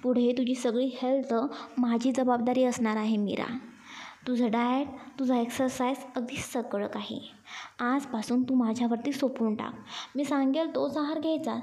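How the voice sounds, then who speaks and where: A woman's voice: fairly high pitch, fairly even intonation, normal speed, mellow, lightly acted. A woman voicing a protective young man who talks to his partner in a firm, teasing, instructing way. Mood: caring, firm. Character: caring, bossy young man, protective lover.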